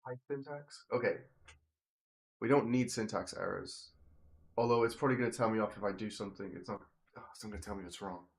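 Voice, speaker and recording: Low-voiced man streaming his coding. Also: brisk. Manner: self-deprecating, muttering to himself while working. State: slightly losing his voice. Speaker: game developer streamer. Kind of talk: live-streamed coding, thinking aloud. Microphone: desk microphone at a computer.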